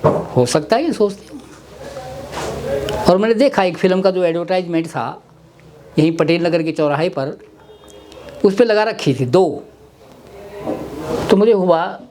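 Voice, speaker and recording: Slow, deliberate man teaching pronunciation. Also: fairly high pitch, lively intonation. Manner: deliberate, repeats sounds and words to demonstrate pronunciation. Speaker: Hindi grammar lecturer. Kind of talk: slow explanatory webinar lecture. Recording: faint background noise with clicks.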